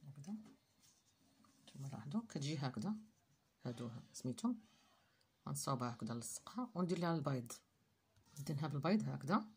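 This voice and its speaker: A woman's voice: deep voice, expressive, fast talker, pauses often, slightly rough. A woman with a Moroccan Arabic accent talks viewers through a recipe step by step in short phrases while she works. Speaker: cooking channel host. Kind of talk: step-by-step cooking demonstration.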